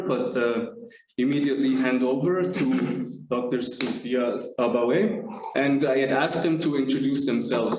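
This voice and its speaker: Male moderator, mid-pitched, formal and halting, echoey room with faint noise. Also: darkish tone. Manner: hesitant, many filler sounds. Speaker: roundtable moderator. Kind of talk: formal opening remarks.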